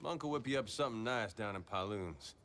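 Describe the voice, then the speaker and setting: An actor playing a gruff, wary old prospector in a video game, with folksy frontier talk, heard quietly as game audio. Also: male voice, lowish voice, animated, fairly quick, a little hiss or hum. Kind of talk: video game character dialogue.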